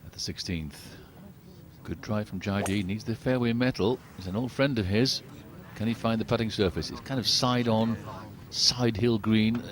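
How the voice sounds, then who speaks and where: Low-voiced man commentating on golf. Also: fairly even intonation, normal speed. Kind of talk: live sports commentary.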